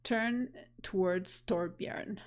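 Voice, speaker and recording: A woman streamer reading a text adventure aloud, taking her time over each line. Her voice is going, with throat-clearing strain underneath. Her pitch sits in an ordinary middle range. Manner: slow, deliberate reading, laughs at oddities. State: losing her voice.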